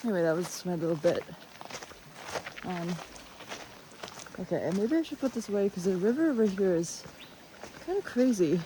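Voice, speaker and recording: Someone musing aloud in a halting, casual way while walking through the jungle with a phone on a selfie stick. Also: mid-range voice, expressive. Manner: unhurried, musing, halting delivery. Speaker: vlogger. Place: outdoors in the jungle by a river. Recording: outdoor phone audio with faint natural noise.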